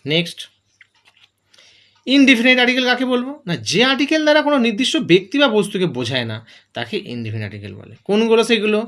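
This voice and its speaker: A male teacher walks through grammar rules step by step. His voice sits high and rises and falls with lively emphasis. He keeps asking his own questions and answering them. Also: fast talker. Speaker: English teacher.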